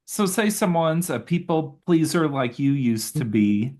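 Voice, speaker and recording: A man hosting an interview podcast, reading the show's intro and asking his guest steady, inviting questions. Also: on the high side, a little slow. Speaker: podcast host.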